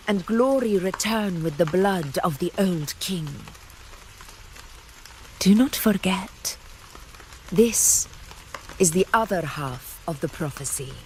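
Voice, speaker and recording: A woman voices a proud, unshakable warrior ruler in a video game, using measured, grand phrasing with a teasing edge. Her pitch is medium, and a slight hiss or hum sits under the recording.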